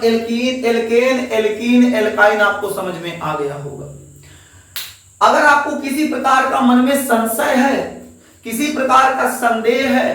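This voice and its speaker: Guy teacher w lilt, quite high voice, keeps asking the class then answering, sounds far off from the mic. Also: fairly bright tone. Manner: coaxing, repeats each answer as a question to the class. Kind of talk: classroom chemistry lecture. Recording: echoey room, voice from a distance.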